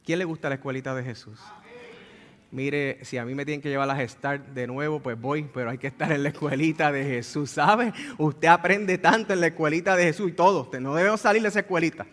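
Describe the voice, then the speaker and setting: A man with a Puerto Rican accent preaching a Sunday sermon, swinging between shouts and hushed emphasis and repeating key phrases. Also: a little high, a little fast, in a large hall. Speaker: pastor. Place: church sanctuary.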